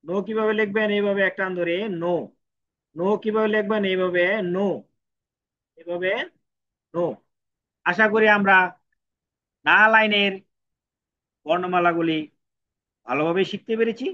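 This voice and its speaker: A man's voice: high voice, steady tone, normal speed, long pauses. A man teaching how to write Japanese characters, repeating each stroke step by step. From Bangladesh. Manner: repetitive, counts out each stroke. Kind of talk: step-by-step writing lesson. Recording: dull lo-fi recording.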